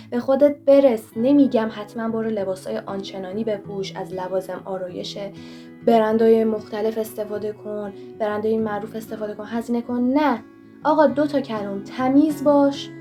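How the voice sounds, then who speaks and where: A young woman vlogger giving motivational advice, talking straight to the viewer in a direct, coaching way. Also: on the high side. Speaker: self-help vlogger. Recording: voice over clear background music.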